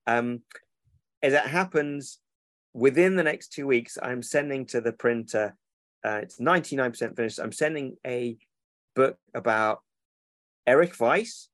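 A man's voice: medium pitch, measured pace, long pauses, fairly bright tone, no room sound. A man, a children's book publisher who rambles and corrects himself in a casual interview over a remote call.

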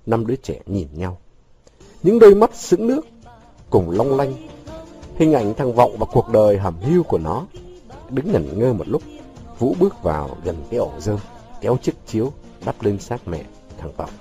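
A man's voice: fairly low pitch, moderate pace, faint music behind. A man narrating a long story aloud, reading expressively. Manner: expressive, shifting with the scene. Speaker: audiobook narrator.

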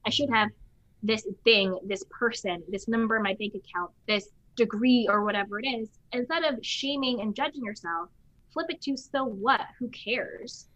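Bright animated woman podcaster. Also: a little high, normal speed, dry recording. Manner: animated, emphatic, acts out quoted voices. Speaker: podcast host. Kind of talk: casual conversation. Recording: slightly dull lo-fi sound.

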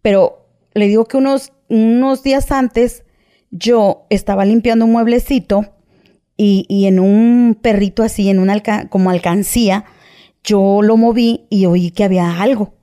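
A woman's voice: medium pitch, steady tone, unhurried, dark tone. A woman telling her own story as an interview guest, often tagging phrases with "¿verdad?" and "¿va?" and restarting her sentences. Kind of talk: personal testimony, casual retelling.

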